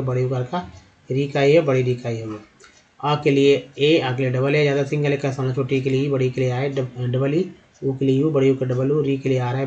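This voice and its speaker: In dull-sounding audio, a man with a medium-pitched, slightly mellow voice gives a spoken lesson at a board on reading English words. He addresses viewers as friends, patiently asking and answering his own questions about each vowel sound.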